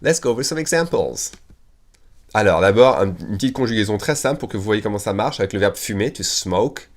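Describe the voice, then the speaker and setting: A man teaching English to French speakers, slowing right down for the English examples and talking quickly when he explains in French, with an American accent in his English. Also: on the low side. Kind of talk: online language lesson.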